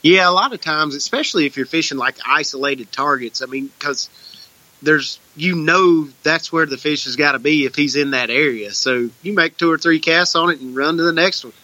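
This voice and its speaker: A man's voice: on the high side, moderate pace, pushed and bright, dry recording, poor audio. A man chatting casually about fishing as an interview guest. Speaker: guest, tournament bass angler.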